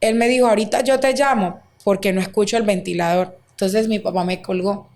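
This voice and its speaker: A woman, a guest recounting a deeply painful personal story, acting out quoted dialogue with many fillers. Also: fairly even intonation, brisk, darkish tone. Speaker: interview guest. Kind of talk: emotional personal testimony.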